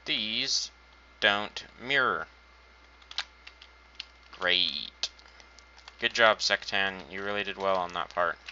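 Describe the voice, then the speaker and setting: Low, sharp-toned man narrating his gameplay. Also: slow, pauses often, a little hiss or hum. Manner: thinks aloud while building, dry self-mocking asides. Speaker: gaming channel host. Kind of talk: casual let's-play commentary. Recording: dull lo-fi home recording.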